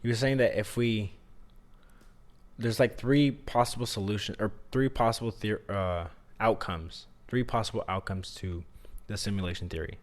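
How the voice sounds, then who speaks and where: Casual young man, lower-pitched, slangy. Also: normal speed. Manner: slangy, swears freely, says dude and like. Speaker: podcast co-host. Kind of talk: casual chat.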